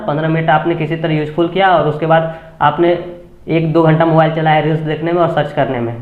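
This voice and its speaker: A man giving urgent, lecturing exam advice as the host of a coaching channel. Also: fairly high pitch. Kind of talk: motivational exam tips talk. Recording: tinny phone-like sound, echoey room.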